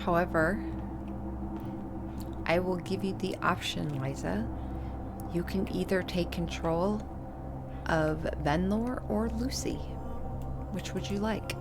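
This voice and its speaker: A woman running a tabletop role-playing game as game master, narrating in a measured, deliberate way with dramatic pauses. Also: fairly low pitch, background noise.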